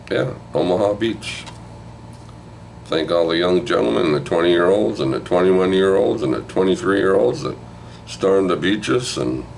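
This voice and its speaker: An older man with an extremely deep, low-pitched voice recaps a film for his video channel. He rambles loosely, swears freely and keeps checking in with the listener. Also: gravelly, slight background noise. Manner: rambling and profane, with frequent "right?" asides. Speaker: movie review host.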